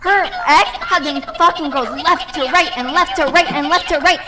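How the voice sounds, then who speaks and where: A woman's voice: very high voice, moderate pace, noisy background. A young woman in a heated panel debate, argumentative and indignant, swearing freely.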